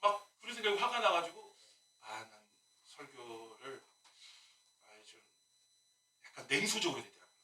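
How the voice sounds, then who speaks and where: A male pastor preaching a sermon in a lively way, with rhetorical questions and humorous asides. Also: on the high side, moderate pace, pauses often. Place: church sanctuary. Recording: echoey room, mic at a distance.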